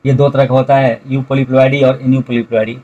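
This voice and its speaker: A middle-aged male biology tutor talks through his notes in a level, even tone that barely rises or falls. He walks students through each point deliberately and repeats the key terms. His voice sits at an ordinary middle pitch. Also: lo-fi sound. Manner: explains step by step, repeats key terms, addresses students directly. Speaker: biology teacher. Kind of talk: recorded video lecture explaining notes.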